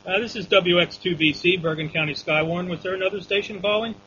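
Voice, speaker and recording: A man acting as radio net controller, giving terse, procedural storm updates in clipped phrases with filled pauses. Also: sits high. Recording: muffled radio audio with hum and noise.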